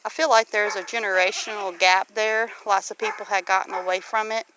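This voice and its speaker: This middle-aged woman vlogs about homesteading and has a Southern US accent. She chats outside near the livestock in a folksy style full of questions for the viewer. Her medium-pitched voice is steady, brisk, bright and forceful, on a low-quality recording with a bit of hiss or hum.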